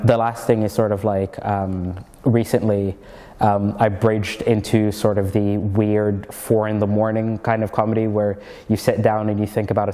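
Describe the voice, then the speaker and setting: In a relaxed interview, a young comedian and student from Norway rambles along, restarting often and leaning on fillers. He has a fairly low, mellow voice and an American-sounding accent learned in Egypt. A long reverb tail follows his words.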